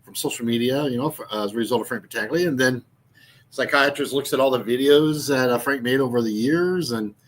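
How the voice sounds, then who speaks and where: Poor audio captures a medium-pitched, fairly quick voice from a man in his sixties hosting a YouTube channel. He chats casually and wanders, with lots of fillers and restarts, mocking and laughing at his own humor.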